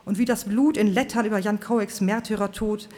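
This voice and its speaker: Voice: mid-range voice, steady tone, moderate pace, dark tone, pitched above the performer's own voice, lightly acted. A reader voicing a fiery male preacher who rants prophetically to a crowd, heard in a reverberant hall. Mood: preaching. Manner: ranting, prophetic, bombastic.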